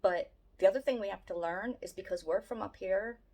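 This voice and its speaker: A woman's voice: medium pitch, a little fast, a little mellow. A woman about to turn fifty with a Philadelphia-area accent, chatting casually to camera in a rambling, self-deprecating way. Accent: Philadelphia-area American. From Southeast Pennsylvania, USA. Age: late 40s, turning fifty. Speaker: vlogger.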